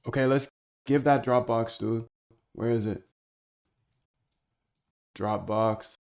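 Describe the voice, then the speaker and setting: A man streams while working on his screen, rambling in slangy talk and chatting with his viewers as he goes in a casual screen-share. His medium-pitched voice is steady and darkish, and he takes things slowly.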